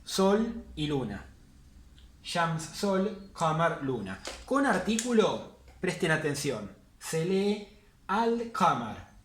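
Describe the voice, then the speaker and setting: A man's voice: a little high, sing-song, slow, slight background noise. A man teaching a language class, patiently repeating key points for emphasis. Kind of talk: classroom lesson. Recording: echoey room.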